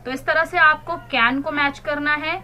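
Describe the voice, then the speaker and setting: A woman's voice: high voice, fairly even intonation, unhurried, sharp tone, muffled recording. A woman teaching young children, explaining in Hindi and spelling words out letter by letter. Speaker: primary school English teacher. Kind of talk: recorded online class lesson.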